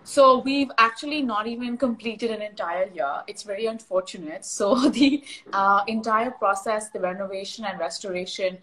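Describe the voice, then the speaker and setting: A woman's voice: mid-range voice, moderate pace, hardly any pauses, fairly bright tone, low-quality recording. A woman from India answering interview questions, nasal from a cold, chatty with many fillers. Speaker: guest.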